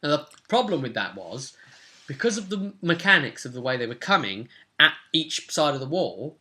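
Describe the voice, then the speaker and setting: With a fairly high, sing-song voice and a sharp tone, a man in his twenties casually walks through a tabletop role-play session he ran as game master. He moves at a moderate pace and tells it dramatically from a small furnished room in his home.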